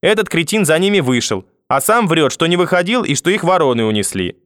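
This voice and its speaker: Brief: elderly granny, foul-mouthed and shrieking at her grandson, a man doing the voice, high and loud, dry booth read. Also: sing-song, brisk, dry recording. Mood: ranting. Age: older. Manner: shouting insults, high and loud. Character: shrill scolding old grandmother, furious and sharp-tongued. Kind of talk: audiobook character voice.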